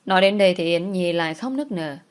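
A woman reading a romance story aloud as its narrator, in a steady, even storytelling delivery. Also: fairly low pitch, quick pace, clear, resonant tone. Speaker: audiobook narrator.

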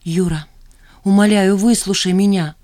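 A woman's voice: medium pitch, steady tone, normal speed, mellow, pitched above the performer's own voice, close to an everyday voice. A woman reader voicing an emotional young woman pleading in love, in an urgent, imploring manner.

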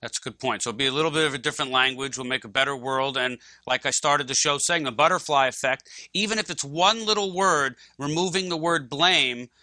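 A man hosting a casual discussion show, musing in a halting way and saying "like" a lot. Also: mid-range voice, pushed and bright, no room sound. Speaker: host.

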